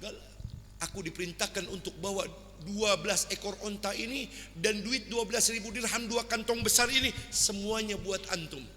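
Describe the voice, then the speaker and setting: A male preacher voicing a dutiful servant who explains his errand quietly and plainly, in a sermon story. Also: high voice, moderate pace, a little hiss or hum. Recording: long hall reverb.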